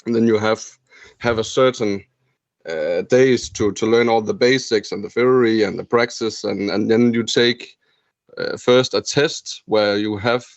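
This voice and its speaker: A man's voice: fairly low pitch, a little slow, no echo. Danish guy in his 20s, friendly chatty guest, bit dull lo-fi sound, dry. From Denmark. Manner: cheerful, laughs often, hesitant fillers. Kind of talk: casual interview chat.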